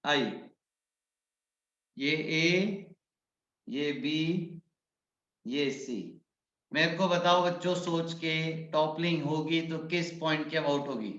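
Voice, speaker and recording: A man's voice: on the high side, slow, pauses often, a bit bright. A man teaching a physics class online, coaxing his students and calling on them by name, mixing English physics terms into his explanations. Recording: muffled echoey room.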